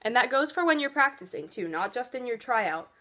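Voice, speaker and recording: A teenage girl and beauty vlogger chats casually while doing her makeup in a get-ready-with-me video, giving earnest cheer tryout advice packed with fillers. Her voice is loud, fairly high, animated, and a little fast.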